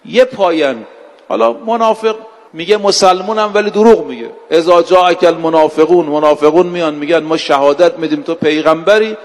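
A man delivers a sermon at a measured, emphatic pace, pausing for weight between phrases as he tells stories. His voice sits a little high for a man. The sound carries a long hall reverb. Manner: slow, emphatic delivery with dramatic pauses. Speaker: preacher. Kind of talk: sermon storytelling.

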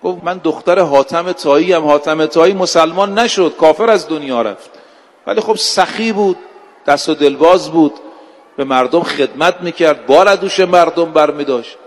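Man preaching slowly in a reverberant hall. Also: on the high side. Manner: slow, emphatic delivery with dramatic pauses. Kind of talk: sermon storytelling.

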